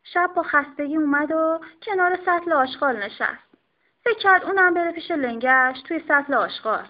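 A woman reading a children's storybook aloud in an expressive, sing-song manner, on a dull lo-fi recording. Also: high voice. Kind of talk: storybook narration.

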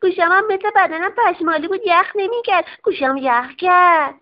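A woman's voice: very high-pitched, voice pushed up. A woman voicing a small gray female mouse in a storybook, sweet and shivery, on a dull lo-fi recording. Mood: cold complaining.

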